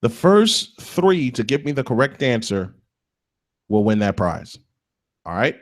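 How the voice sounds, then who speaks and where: A man hosting a live morning sports talk show, reading sponsor spots and chatting excitably while fumbling with his setup. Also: medium pitch, measured pace.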